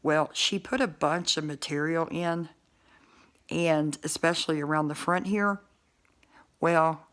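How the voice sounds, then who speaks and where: A woman's voice: low voice, a little slow, long pauses, a bit bright. A woman vlogging casually to camera, her speech thick and muffled by a bulky denture, rambling with many fillers and restarts.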